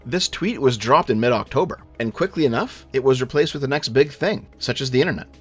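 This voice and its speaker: A man giving casual, blunt and sardonic video commentary with swearing, on a low-quality, low sample rate recording. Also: brisk, breathy edge, dull audio, soft background music.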